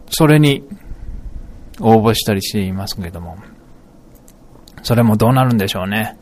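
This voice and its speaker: A middle-aged man musing aloud in a solo podcast monologue, rambling with many fillers and self-corrections. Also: on the low side.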